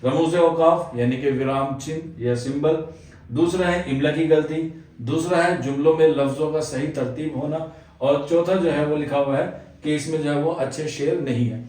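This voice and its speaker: A man's voice: on the high side, normal speed, a little mellow, distant mic. A man teaching an exam answer-key lesson, explaining step by step and constantly padding his sentences with the same filler phrase. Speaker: Urdu exam coaching teacher. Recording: very echoey room, voice off-mic.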